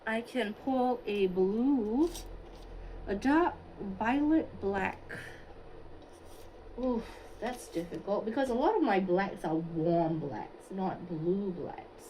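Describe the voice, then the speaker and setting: A woman from Singapore chats her way through a makeup livestream, taking her time and thinking aloud as she picks colors and replies to viewers. Her voice sits at an ordinary middle pitch. A faint room hum sits behind it, picked up by a phone mic. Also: slow, dark tone, low-quality recording. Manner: chatty, thinking aloud, answering chat comments. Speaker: beauty livestreamer. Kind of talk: casual livestream chat while doing makeup. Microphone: phone on a stand.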